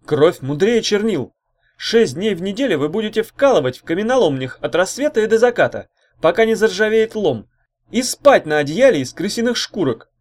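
A man doing a slick, shouting swindler. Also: sing-song, moderate pace. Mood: persuasive. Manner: loud, rising, theatrical pitch. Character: slick wheedling male swindler, showy persuader.

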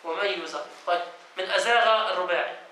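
Brief: male sheikh teaching a study circle, high, bright voice, distant and echoey. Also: quick pace. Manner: reads a passage, then explains it and quizzes students. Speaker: sheikh teaching Quran exegesis. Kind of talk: classroom lesson, reading and explaining. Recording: echoey room, voice from off-mic, faint noise.

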